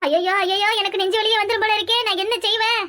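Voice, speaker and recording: A woman voicing a loud, melodramatic old village mother-in-law in a cartoon, with a Kanyakumari Tamil accent, scolding and wailing. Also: extremely high pitch, fairly even intonation, fast. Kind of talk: cartoon voice acting.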